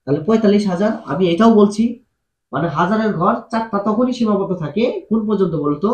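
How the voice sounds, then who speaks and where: A man explains a math lesson in a fairly high voice, slowly repeating each step and quizzing his students. He sounds patient. The sound rings in an echoey room. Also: darkish tone. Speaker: math teacher. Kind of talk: classroom-style math lesson.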